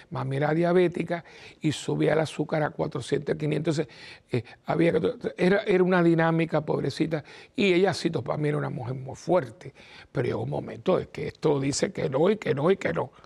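A man's voice: on the high side, creaky, a little mellow, slightly rough. A man, a priest hosting his own program, telling personal family stories in a rambling, chatty way and acting out the dialogue. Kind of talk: casual storytelling talk.

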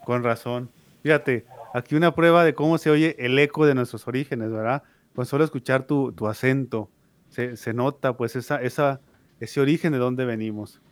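Gentle radio co-host man. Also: medium pitch, steady tone, moderate pace, smooth, no echo.

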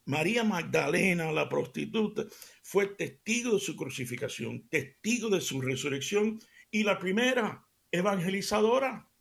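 Gravelly man preaching on radio. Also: sits high, moderate pace. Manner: animated, dramatic storyteller who drops to soft near-whispers for emphasis. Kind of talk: radio devotional storytelling.

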